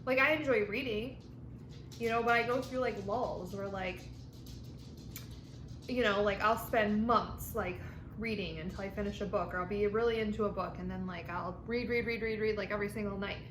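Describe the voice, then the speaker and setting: Casual female vlogger, mid-pitched, informal rambling delivery with mild swearing; roomy echo, noticeable background noise. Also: steady tone, moderate pace. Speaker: vlog host. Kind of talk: casual rambling chat to camera while eating lunch. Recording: echoey room with clear background noise.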